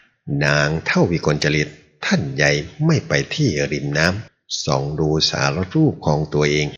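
Guy reading as a snarling fire demon fighter, super deep gravelly low voice, dull lo-fi sound. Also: big pitch swings, a little slow, a bit bright, heavily acted. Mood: mocking. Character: furious fire demon martial master. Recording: dull lo-fi audio.

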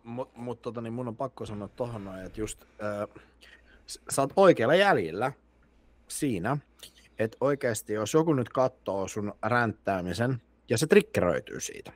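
A man's voice: medium pitch, expressive, no echo. A man as a podcast guest, talking earnestly and restarting his sentences as he agrees. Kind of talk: casual podcast conversation.

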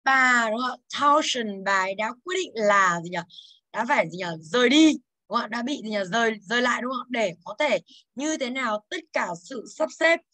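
A woman's voice: on the high side, lively intonation, moderate pace, pushed and bright, rough recording. A young woman teaching English, going through exam answers and teasing her students as she asks them for each answer. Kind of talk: exam answer walkthrough lesson.

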